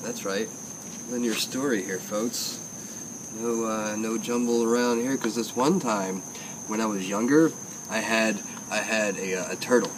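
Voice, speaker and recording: A man's voice: fairly low pitch, steady tone, unhurried, noisy background. A man hosting a casual comic chat, rambling goofily and trailing off into laughter. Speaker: host of a casual sit-down chat.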